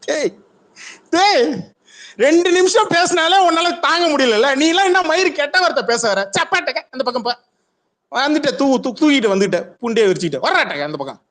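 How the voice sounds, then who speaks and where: Fast, high-pitched taunting man. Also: animated, fairly bright tone. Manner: aggressive, taunting, profane. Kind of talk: heated online audio-room argument.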